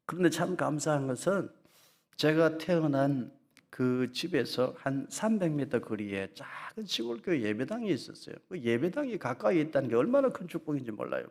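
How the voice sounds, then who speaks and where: A man, a pastor, preaching a sermon dramatically, drawing out emotional passages slowly and bursting into loud, high voices when he acts out mocking taunts. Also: big pitch swings, creaky.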